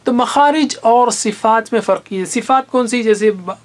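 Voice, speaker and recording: Guy teaching quran reading, patient, keeps sounding out letters slow one by one. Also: very high voice. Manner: slowly sounds out single letters and syllables as examples; patient, explanatory. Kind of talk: classroom lesson.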